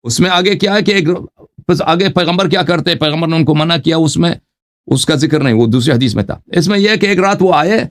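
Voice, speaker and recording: A man giving a religious lecture, quoting texts slowly and then explaining them in an argumentative way. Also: on the high side. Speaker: religious scholar.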